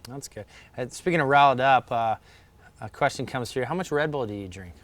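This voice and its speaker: A man's voice: medium pitch, lively intonation, brisk, a bit bright. A man hosting a live show, reading viewer questions and teasing his guest in a casual way. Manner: joking, teasing.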